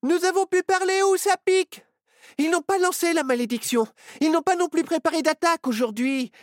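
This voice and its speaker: Myrtille, a bright excited little girl. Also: very high voice, brisk, no room sound, studio quality, pitched above the performer's own voice. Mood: earnest. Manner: breathless, eager exclamations. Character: excited young girl, bold, full of ideas.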